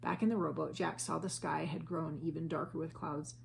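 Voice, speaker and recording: Female storybook reader; low, gravelly, steady read-aloud. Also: fairly quick, a little hiss or hum. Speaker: children's book reader. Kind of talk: reading a children's book aloud.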